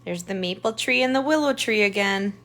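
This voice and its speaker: This tutor reads a picture book to young listeners at a fairly quick clip, her mid-range voice animated and a bit bright. Along the way she offers simple explanations and points things out through questions and remarks.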